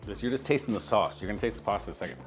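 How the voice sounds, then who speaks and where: A man's voice: lowish voice, rapid-fire, soft background music. A man hosting a casual cooking demonstration in a kitchen, talking through each step in an easygoing way with frequent filler sounds. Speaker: chef hosting a cooking demo.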